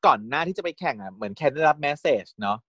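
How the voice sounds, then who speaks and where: A man chatting casually as a fan retelling episodes, animated and gushing. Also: medium pitch, fast talker, husky, dry recording. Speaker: fan recapping a series. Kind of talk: casual chat.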